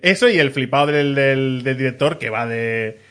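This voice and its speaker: Animated man telling a story. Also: medium pitch, normal speed, clean tone. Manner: animated storyteller, swings into loud mimicked shouts. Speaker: podcast co-host. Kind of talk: casual chat.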